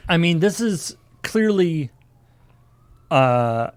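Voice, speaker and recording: A man's voice: a little high, very animated, extremely slow. A man co-hosting a casual discussion, hesitant and full of fillers, slipping in dry jokes. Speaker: co-host.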